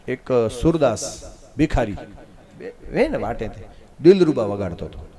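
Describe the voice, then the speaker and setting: A man telling a devotional story on a katha stage, swinging between hushed and loud passages. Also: medium pitch. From Kutch, Gujarat. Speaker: Bhagavat katha preacher. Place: open-air katha stage before a crowd.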